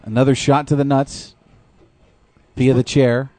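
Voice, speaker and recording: A man works as a wrestling commentator, calling the action move by move. His pitch is middling for a man and the sound is dry and close. He is informal and freely critical of what he sees. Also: flat delivery, a little slow, darkish tone, dry recording. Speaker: host calling the matches as play-by-play commentator. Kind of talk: live wrestling commentary, conversational.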